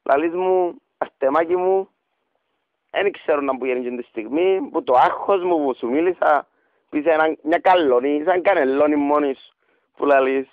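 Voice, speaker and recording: With no echo on this dull radio recording, a man with a Cypriot Greek accent and a slightly high voice works through a prank call. He pleads theatrically, rambles on and coos pet names.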